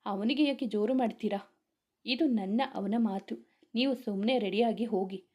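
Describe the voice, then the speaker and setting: A woman's voice: mid-range voice, moderate pace, mellow, lightly acted. A woman voicing a bossy but affectionate young sister-in-law who scolds firmly. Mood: scolding. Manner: scolding, then doting.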